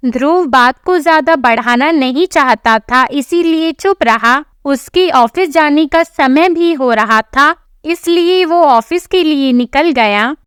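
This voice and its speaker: Woman reading a family story, high voice, slow and steady, dry close mic. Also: no room sound. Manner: even, storytelling. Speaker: narrator. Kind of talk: scripted storybook narration.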